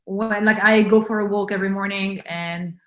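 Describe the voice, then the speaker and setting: This interview guest is a woman from France on a video call, her mid-range voice steady, fairly bright, and at normal speed. She keeps the conversation casual and chatty, scattering "like" and "uh" and laughing easily.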